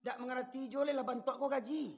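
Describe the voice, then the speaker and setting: A man with a Minangkabau accent preaching a sermon, fiery and emphatic, often surging to loud peaks. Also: very high voice, fairly even intonation, brisk. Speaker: Islamic preacher. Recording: long echoey hall reverb.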